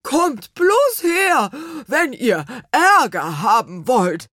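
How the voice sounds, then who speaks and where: A woman voicing a cheeky little male apple-man from a storybook, high and teasing. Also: big pitch swings, slow, no echo, studio quality, full character voice. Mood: defiant.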